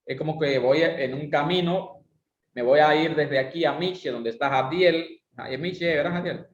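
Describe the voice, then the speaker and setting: A man's voice: on the high side, normal speed. Male voice coach lecturing, didactic, muffled roomy recording. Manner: didactic, asks rhetorical questions. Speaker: voice and speaking instructor. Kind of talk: online class lecture with exercises. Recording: roomy, dull lo-fi sound.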